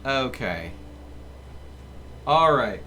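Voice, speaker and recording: A gaming streamer gives casual live commentary on his gameplay, muttering to himself and reading the game's text with some drama. His mid-range voice is very animated yet extremely slow, pushed and bright, with a little hiss or hum. Game music plays behind him.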